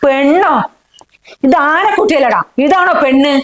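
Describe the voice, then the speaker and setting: A woman plays a scheming, sharp-tongued middle-aged mother with a high voice. She nags and belittles in a scornful tone, a character in a short film drama. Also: moderate pace, music in the background, natural voice, low-quality recording. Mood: scolding. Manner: scornful, nagging, insulting. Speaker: mother-in-law.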